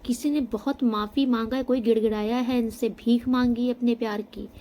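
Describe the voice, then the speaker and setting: Female tarot reader, higher mellow voice, emphatic direct address, light background hiss. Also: steady tone, normal speed. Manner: emphatic, addresses viewer directly with frequent "okay?". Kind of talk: tarot reading monologue. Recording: faint background noise.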